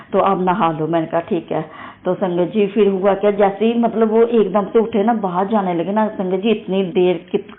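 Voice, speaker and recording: A woman shares a devotional testimony with earnest, repetitive storytelling and frequent asides to her listeners. Her pitch stays narrow and even. The sound is thin and phone-like, as if recorded down a phone line. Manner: earnest, repetitive, often addresses the congregation. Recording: tinny phone-quality recording.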